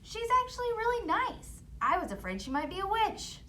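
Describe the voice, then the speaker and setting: An earnest, wary young storybook child, voiced by a woman. The voice is high and lively, simple in delivery, over faint noise. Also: moderate pace, heavily acted. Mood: relieved.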